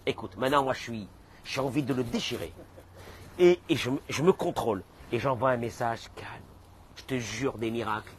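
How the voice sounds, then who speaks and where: A man, a rabbi, giving a lively sermon that talks straight to his listeners and mixes in Hebrew terms. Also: medium pitch, normal speed, background noise. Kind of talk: animated sermon.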